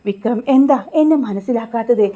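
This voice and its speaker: A woman's voice: fairly high pitch, a little fast, dark tone, dull audio. A woman narrating a casual recap of a TV serial, reading out the characters' lines in her own voice and dropping in chatty tag words. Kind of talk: casual spoken story recap.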